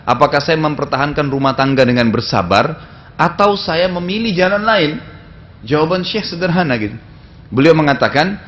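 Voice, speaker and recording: A man's voice: a little high, fairly bright tone, highs cut off, a little hiss or hum. A man giving a religious sermon, telling stories in a loose conversational way and often tagging his sentences with small fillers. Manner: conversational storytelling with frequent tag fillers. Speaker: Islamic preacher. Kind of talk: sermon lecture.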